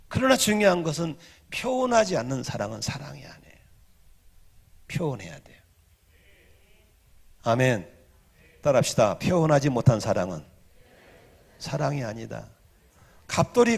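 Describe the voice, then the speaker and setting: A pastor in his sixties delivers a Sunday sermon in a gravelly, somewhat high-pitched voice. He is emphatic and drops to hushed asides, then climbs to loud, rousing exhortation. He leads the congregation in call-and-response. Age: 60s. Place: church sanctuary.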